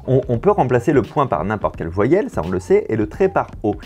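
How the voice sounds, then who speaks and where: A man's voice: mid-range voice, huge pitch swings, quick pace, warm tone, dull audio. A man in his thirties hosting a casual educational video, explaining a memory trick and often repeating words as he goes.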